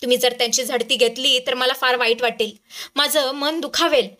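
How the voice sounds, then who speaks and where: A woman's voice: sits high, fairly even intonation, moderate pace, sharp tone. A woman doing an earnest, trusting lady. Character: kind wealthy woman, trusting of her staff.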